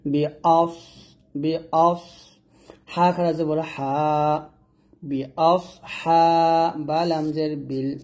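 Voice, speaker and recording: A man teaching Quran reading, patiently spelling out each syllable and repeating the verses slowly in a chanting tone. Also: on the high side, fairly even intonation, a little mellow.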